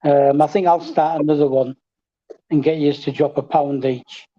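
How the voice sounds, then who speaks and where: A relaxed, wry man chats on a football fan panel. His voice is a little high and mellow, and it comes through a dull, lo-fi connection. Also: normal speed. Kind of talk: casual fan chat. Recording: dull lo-fi audio.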